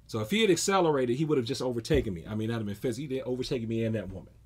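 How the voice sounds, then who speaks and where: A man's voice: medium pitch, racing, breathy edge. A man in his forties, a martial arts instructor, giving a casual self-defense talk and acting out stories with energy. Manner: animated storyteller, acts out scenes.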